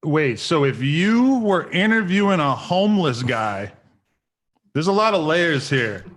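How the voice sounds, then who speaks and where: A man hosting a podcast, answering calmly and drily during a debate. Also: on the high side, a little slow. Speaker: podcast host. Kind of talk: casual debate.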